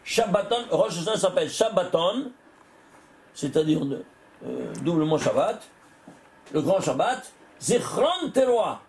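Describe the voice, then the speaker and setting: Male rabbi, high voice, teaching a class, quizzes listeners and works through sums aloud. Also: very animated, unhurried, gravelly, long pauses, a little mellow, a little hiss or hum. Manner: quizzing listeners with rhetorical questions. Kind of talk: Torah lesson to a class.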